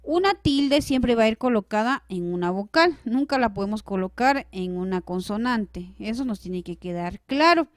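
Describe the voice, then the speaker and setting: A woman teaching a recorded grammar lesson, explaining clearly and stressing syllables hard when she gives examples. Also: a little high, lively intonation, moderate pace, few pauses, no echo, clean studio sound.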